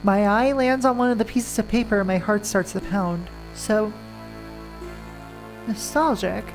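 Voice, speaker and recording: This rough recording catches a woman streamer with a medium-pitched, unhurried voice made very nasal by a winter cold. Faint game music plays as she reads game lines aloud in the first person, pausing now and then for casual chat.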